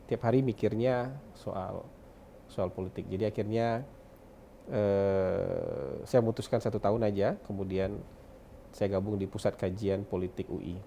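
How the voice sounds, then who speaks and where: A man in his forties from West Sumatra, Indonesia, a political consultant, chats in a relaxed interview, reflective and chuckling often while mixing in English words. His Indonesian carries a Minangkabau tinge, and his lowish, warm voice is unhurried with fairly even intonation and vocal fry. Slight background noise is present.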